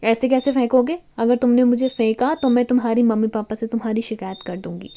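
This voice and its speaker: A woman voicing a drunk, playful young wife who teases and whines, a little higher than usual. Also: fairly even intonation, brisk, natural voice. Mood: teasing. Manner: petulant, whiny shouting.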